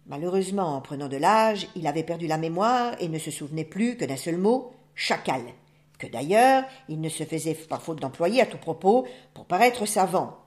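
A woman storyteller reading tales aloud in an expressive, lively way. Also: mid-range voice.

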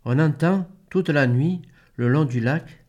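A man's voice: on the high side, slow, darkish tone, muffled recording. A man reading a novel aloud in first person, trading passages with a female reader. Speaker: audiobook reader. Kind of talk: read-aloud literary narration.

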